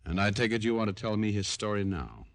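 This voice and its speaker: Richard Diamond, deep wisecracking detective. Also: male voice, big pitch swings, quick pace, vocal fry. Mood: cool, flirtatious. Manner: dry, wry, breezy. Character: wisecracking, flirtatious, cool male private detective. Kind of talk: 1940s-50s radio noir acting and narration. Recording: vintage radio drama recording.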